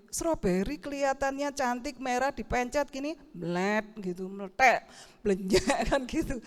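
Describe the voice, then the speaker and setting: A middle-aged woman pastor preaches in an animated storytelling way, acting out the people she talks about. Her voice sits high for a woman. A long church-hall reverb trails after her words, picked up by a handheld mic. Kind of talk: sermon with acted anecdote.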